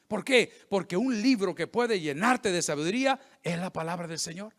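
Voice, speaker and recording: A middle-aged man, a pastor preaching a sermon, joking and animated, acting out the voices of people he quotes. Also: high voice.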